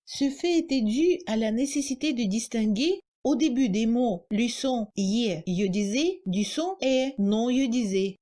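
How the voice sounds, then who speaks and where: A woman's voice: a little high, lively intonation, mellow. A woman with a Russian accent, a native Russian speaker, giving a scripted pronunciation lesson and sounding out example words carefully. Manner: slow, careful, articulating example words one by one. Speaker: language teacher.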